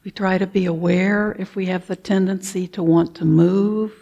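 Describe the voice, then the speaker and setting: A woman leading a guided meditation, talking softly and calmly, with frequent throat clearing. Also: lowish voice, lo-fi sound. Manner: slow, soft-spoken and calm, with frequent throat clearing. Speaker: meditation teacher.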